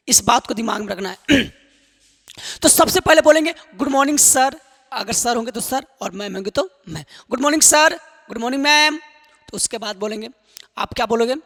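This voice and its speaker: High bright-voiced male teacher, reverberant room. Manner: emphatic, repeats phrases and asks rhetorical questions. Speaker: English teacher. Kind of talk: spoken English lesson for students.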